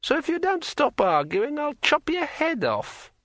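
A domineering magic sword speaks in a high, ringing voice that draws every word out slowly, as a man acts it. The delivery is bright and lively, with a dry, close sound. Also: dry recording, exaggerated voice. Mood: threatening. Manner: slow and drawn out. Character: pushy talking magic sword, male, bossy.

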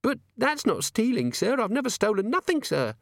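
A man's voice: very high-pitched, huge pitch swings, normal speed, gravelly, dry recording, studio quality, voice pushed up, heavily acted. A man voicing a nervous, humble young maid in an audiobook, timid and polite. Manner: timid, adds "sir" to everything. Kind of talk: audiobook character voice.

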